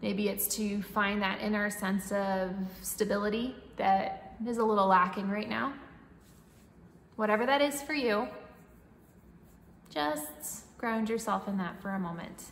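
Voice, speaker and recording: Slow woman guiding breathwork with audible breaths. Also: mid-range voice, fairly even intonation, vocal fry, fairly bright tone. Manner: soothing, instructing with long pauses. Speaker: breathwork meditation instructor. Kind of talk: guided breathwork meditation. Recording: echoey reverberant room, faint background noise.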